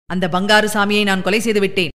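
A woman's voice: medium pitch, little pitch movement, quick pace, in a large hall, close to an everyday voice. A woman voicing a panicked young village man. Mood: flustered. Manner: agitated, shouting.

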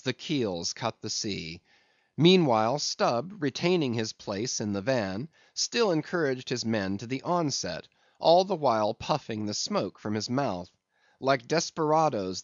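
Slow, expressive male audiobook narrator. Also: mid-range voice, no echo. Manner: measured, expressive storytelling. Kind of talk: scripted narration. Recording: dull, dry lo-fi recording.

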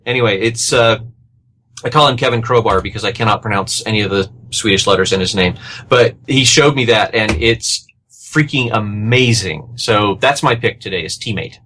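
A man on a podcast panel, chatting casually and gushing with excitement about a tool he loves. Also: medium pitch.

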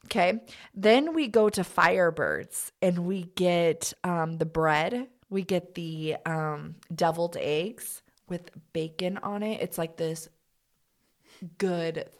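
A young adult woman co-hosting a casual podcast, animated and full of fillers as she chats. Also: on the low side, takes it slowly. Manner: animated, bubbly, lots of fillers. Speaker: podcast co-host. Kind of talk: casual chat.

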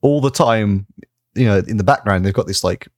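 Guy cohosting a podcast, kinda low voice, laid back and jokey, dry sound. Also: normal speed, dry recording. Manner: loose and chatty, laughs often, casual swearing. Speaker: podcast co-host. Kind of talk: casual chat.

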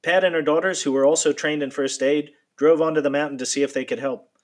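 A man reading a nonfiction account aloud in a steady, measured storytelling manner. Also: fairly high pitch. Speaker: narrator.

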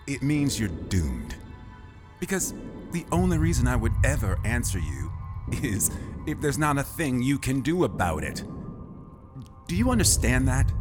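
An actor playing a smug captive enemy pilot who taunts and laughs at his captors. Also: lowish voice. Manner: sneering, taunting, laughing at others.

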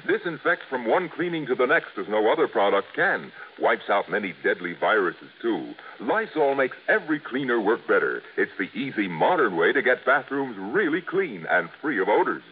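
Animated male vintage radio announcer. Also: mid-range voice, normal speed, hardly any pauses, a little hiss or hum. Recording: narrow-band vintage radio broadcast.

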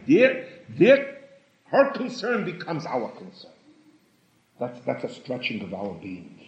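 A man giving a sermon in a halting way, often repeating words and rising in pitch for emphasis. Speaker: rabbi. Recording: echoey room, dull lo-fi sound.

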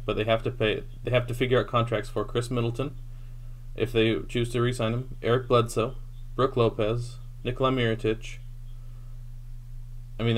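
A man with a lowish voice co-hosts a casual basketball podcast, steadily reeling off stats and saying "um" often. There's a little hiss or hum in the background.

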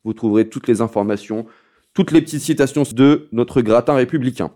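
Un homme qui anime un jeu radio, lisant les énigmes avec emphase théâtrale. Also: male voice, mid-range voice, dark tone. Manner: theatrical, drawn-out riddle reading. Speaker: game show host. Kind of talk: radio quiz hosting.

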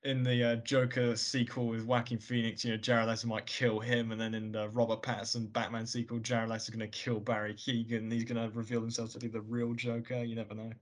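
A man's voice: medium pitch, monotone, brisk, hardly any pauses. A man co-hosting a podcast, chatting casually about a film and throwing in joking, sarcastic remarks with some swearing. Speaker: podcast co-host. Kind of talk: casual film review chat.

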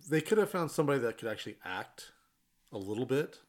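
A man's voice: mid-range voice, sing-song, fast talker. A man co-hosting a casual podcast chat, laid-back and hesitant, often trailing off with ums. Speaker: podcast co-host.

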